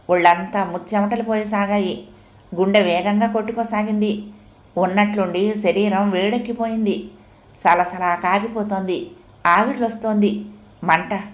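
A woman narrating a story audiobook in a measured, expressive reading voice. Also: medium pitch, roomy sound.

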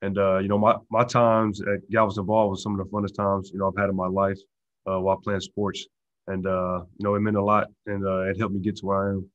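A young man answering press questions in a relaxed way, full of "you know" fillers. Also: low voice, a little fast, dry recording. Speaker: football player answering press. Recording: dull lo-fi video call audio.

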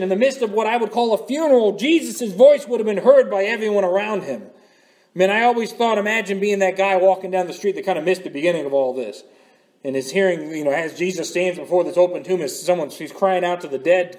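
A male pastor giving an earnest sermon, explaining scripture with emphatic rises. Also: sits high.

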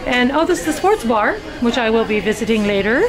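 A middle-aged woman vlogging casually, talking excitedly while walking around a cruise ship with a handheld camera. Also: a little high, a little fast, crowd noise, low-quality recording. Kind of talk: casual travel vlog. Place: cruise ship decks and corridors. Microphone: handheld camera at arm's length.

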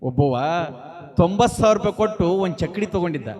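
A man's voice: high voice, expressive, fairly quick, warm tone. A man, telling folk tales on stage, repeating lines and quizzing the audience. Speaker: folk humorist speaker.

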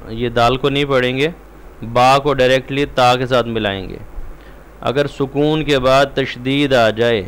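A man teaching a Quran recitation lesson. He explains the rules quickly and recites the words slowly, drawing them out. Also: mid-range voice, a little hiss or hum. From Pakistan.

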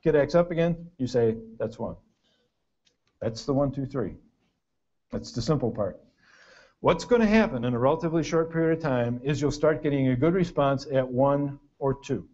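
A man's voice: medium pitch, normal speed, darkish tone. Older guy giving a funny parenting talk, dry storyteller vibe, kinda dull lo-fi recording. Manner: dry, storytelling delivery with punchy lists. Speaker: parenting workshop speaker. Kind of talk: humorous lecture to an audience.

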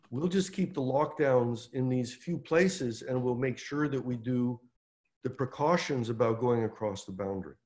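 A man in his sixties hosts a town hall from his home over a video call, explaining policy in animated, quick bursts. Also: medium pitch. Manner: animated, gestures with his hands, fast bursts. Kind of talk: explanatory advocacy talk. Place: home room by a window. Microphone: video call webcam.

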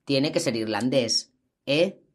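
A woman's voice: very deep voice, takes it slowly, full character voice. A woman reading the part of a teasing older teenage boy. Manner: teasing, offhand. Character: older teenage boy, sly nickname-giver.

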